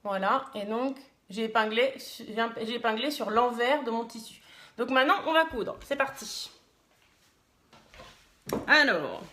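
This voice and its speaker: A woman from France leads a casual live sewing lesson at her machine. Her voice sits a little high. She talks in a loose, chatty way, full of fillers, and greets the viewers as she works. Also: unhurried, pauses often, sharp tone. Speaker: sewing teacher.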